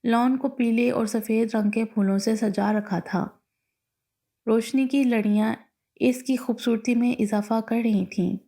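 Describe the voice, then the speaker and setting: A woman narrates a romantic novel in a steady, unhurried storytelling read. Her voice is mellow and warm with a gravelly, fry-edged texture. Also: fairly high pitch. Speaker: audiobook narrator.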